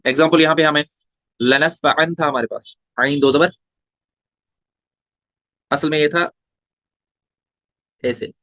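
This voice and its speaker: A man's voice: a little high, fairly even intonation, measured pace, long pauses, bright, forceful tone, no echo. A man teaching a tajweed lesson, spelling out letters and vowel marks one by one and asking and answering his own questions. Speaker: Quran recitation teacher.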